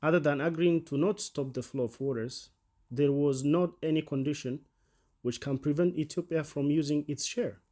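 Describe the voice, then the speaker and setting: A man presenting and narrating a scripted explainer in a formal, measured way. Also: on the high side, warm tone.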